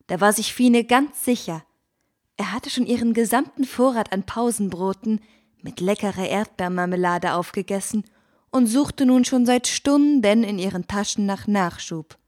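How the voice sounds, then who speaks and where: Woman storybook narrator, expressive, unhurried reading. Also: medium pitch.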